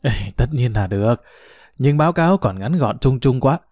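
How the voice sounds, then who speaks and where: A man voicing a sharp-tongued older wife who scolds and pries at her husband. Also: mid-range voice, animated, normal speed, no echo, studio quality, close to an everyday voice. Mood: scolding. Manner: scolding, prying.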